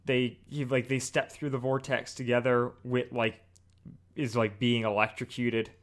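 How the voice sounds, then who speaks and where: A man's voice: medium pitch, flat delivery, unhurried. A man co-hosting a podcast, recapping an episode in casual chat and quoting characters informally. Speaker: podcast co-host.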